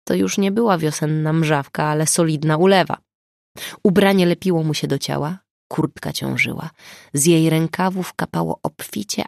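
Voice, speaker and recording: A woman reads an audiobook in a measured, expressive way. Her voice sits on the low side with a gravelly, creaky texture, and the recording is dry and close with no room sound. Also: no room sound. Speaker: audiobook narrator. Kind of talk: scripted narration.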